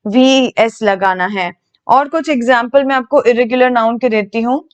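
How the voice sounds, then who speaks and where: A woman's voice: on the high side, normal speed. A woman teaching English grammar, patient and explaining step by step, repeating key words and asking her students questions that she then answers herself. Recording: dull lo-fi sound.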